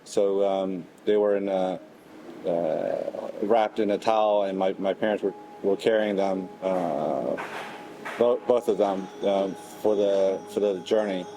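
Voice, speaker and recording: A middle-aged man from Cambodia, recounting memories in a documentary interview in a reflective, halting way with many restarts. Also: low voice, steady tone, warm tone, slight background noise, rough recording. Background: background music.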